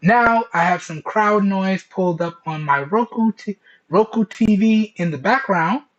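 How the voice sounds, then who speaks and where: A man's voice: high voice, unhurried. A man presenting a casual, colloquial product test to camera, often checking in with listeners, heard through Bluetooth earbud microphones. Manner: colloquial, repeatedly checks in with "okay" and "all right". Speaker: tech reviewer, video host. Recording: dull Bluetooth earbud headset mic.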